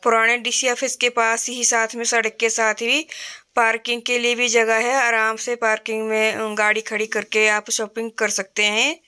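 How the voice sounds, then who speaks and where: Inside a retail store, a middle-aged vlogger from Himachal Pradesh, India, walks through the shop with her phone, talking plainly and using fillers. Her voice is on the high side, sharp and monotone, at a moderate pace.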